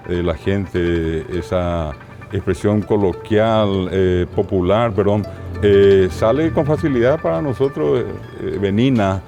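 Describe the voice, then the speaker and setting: A man with a Paraguayan Spanish accent, a linguist guest explaining place names in an interview, didactic and slow on each word. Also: fairly low pitch, mellow, soft background music.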